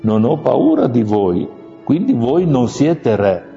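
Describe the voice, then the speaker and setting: A man's voice: medium pitch, huge pitch swings, slow, vocal fry, mellow, exaggerated voice. A man voicing a tiny, bold male gnat who talks back indignantly in a storybook tale. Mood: cocky. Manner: indignant, cocky. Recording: long reverb, muffled, faint music.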